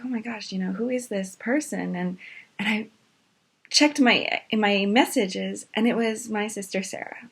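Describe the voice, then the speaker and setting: A woman in her twenties from Maine, telling her own story in a casual, animated way, with many fillers and quick rushes of words. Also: mid-range voice. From Maine, USA. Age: 20s.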